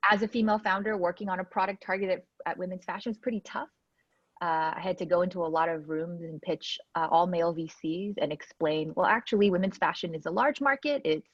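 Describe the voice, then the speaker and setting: A woman from Hong Kong with a fairly low voice speaks on a panel as a venture investor. She talks casually about her background with many fillers. The sound is dry, with no echo, but dull and lo-fi.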